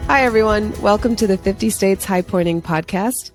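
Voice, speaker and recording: A woman's voice: mid-range voice, normal speed, soft background music. A woman hosting a podcast, asking upbeat, friendly interview questions. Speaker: podcast host. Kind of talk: casual interview.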